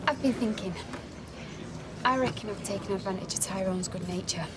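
A woman's voice: mid-range voice, moderate pace, very noisy, natural voice. A woman with a Northern English accent playing an apologetic young woman in a naturalistic TV soap. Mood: sheepish, pleading. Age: young adult. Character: apologetic young woman pleading and making amends. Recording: busy cafe and pub chatter behind.

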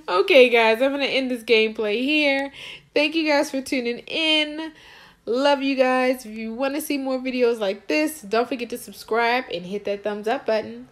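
A woman's voice: sits high, a little slow. A young adult woman hosting a gaming channel, commentating her play with squeals, gasps and coaxing cheers. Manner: squealing and gasping, coaxing the game aloud. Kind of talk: excited game commentary.

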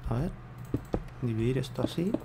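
A man talks casually to his viewers while he plays, unsure and thinking aloud. His voice is gravelly at a middle pitch. Faint keyboard typing sits behind his desk mic. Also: lively intonation, moderate pace, noisy background. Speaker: gameplay video host. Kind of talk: casual gameplay commentary.

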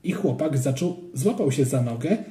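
A man reading a children's story aloud in an expressive narrating style. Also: mid-range voice, normal speed. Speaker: audiobook reader. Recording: roomy echo.

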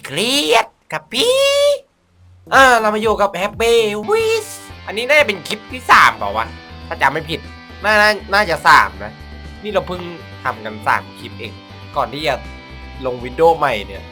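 A man giving casual comedic gameplay commentary as a video host, crude, sweary and excitable in his exclamations. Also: sits high, moderate pace, faint music behind.

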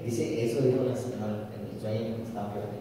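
A man's voice: fairly low pitch, little pitch movement, quick pace, warm tone. A man, a priest telling stories in a conversational sermon and often asking the congregation questions. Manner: conversational, asks the audience questions. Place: large echoey hall. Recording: echoey hall from far off, noisy.

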